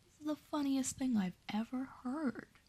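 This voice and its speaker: A woman voicing a big, boastful male lion in a gruff, mocking whisper for a whispered role-play bedtime story. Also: high-pitched, a little slow, dark tone, voice pushed up.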